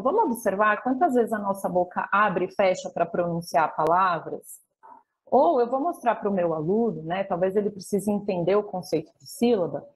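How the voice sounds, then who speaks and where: A Brazilian woman teacher with a Brazilian Portuguese accent giving a live online training for teachers, explaining step by step and tagging her points with quick questions. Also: medium pitch, low-quality recording. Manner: explanatory, frequent tag questions.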